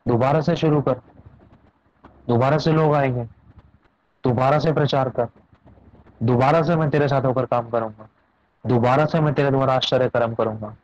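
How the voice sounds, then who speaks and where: A man's voice: mid-range voice, a little mellow, dry recording, close to an everyday voice. Preacher voicing the Lord: a commanding divine male voice with urgent, repeated orders, in a dull, dry recording.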